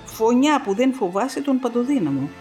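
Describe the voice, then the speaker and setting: A woman's voice: mid-range voice, animated, a little mellow, natural voice. A woman voicing a stern man who proclaims grim visions in a solemn, thundering way, over faint music. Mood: commanding.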